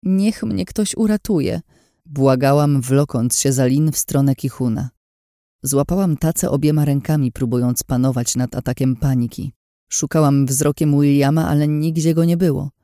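A woman narrating a novel in the first person, in tense, hushed storytelling. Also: extremely low pitch, steady tone, moderate pace, no room sound, studio quality. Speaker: audiobook narrator.

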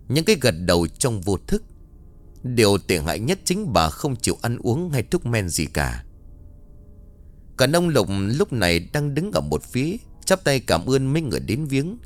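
Expressive male ghost-story narrator. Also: medium pitch.

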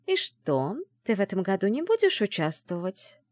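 A woman's voice: medium pitch, huge pitch swings, normal speed, a little mellow, no echo, clean studio sound. A woman voicing a haughty, simpering society lady mage in a nasal, affected tone. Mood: simpering, mocking. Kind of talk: audiobook character voice.

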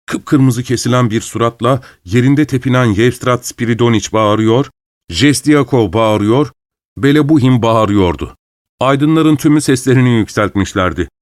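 A man narrating a classic short story in an even, measured reading. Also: fairly low pitch, dry recording, studio quality.

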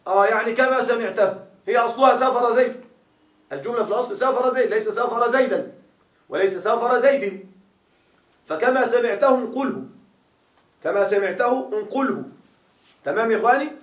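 A man's voice: very high voice, fairly quick, pauses often. A man teaching a grammar class, quizzing his students with repeated questions as he explains. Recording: echoey room, mic far off.

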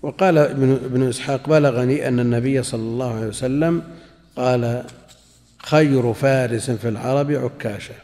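A male scholar delivering a religious lesson, talking at a measured pace and repeating key phrases as he explains them. His voice sits at an ordinary middle pitch. The recording carries a long reverb, as if made in a large hall. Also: steady tone, warm tone. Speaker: Islamic scholar. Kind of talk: lecture explaining hadith commentary.

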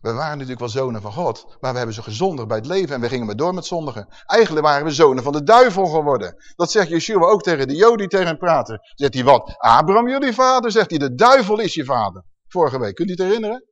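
A man's voice: a little high, expressive, rapid-fire, few pauses. A male preacher giving an emphatic sermon and asking the congregation questions. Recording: dull lo-fi recording.

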